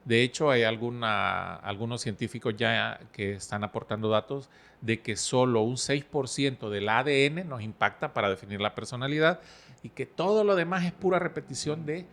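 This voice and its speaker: A middle-aged man with a creaky, ordinary-pitched voice is a guest on a relaxed podcast. Calm and measured, he works through his ideas using personal stories and everyday analogies.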